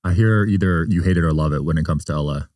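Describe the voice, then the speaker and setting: A man hosting a casual interview, relaxed, asking short questions and laughing easily. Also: low-pitched, quick pace, dry recording, studio quality, far from the mic. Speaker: podcast host.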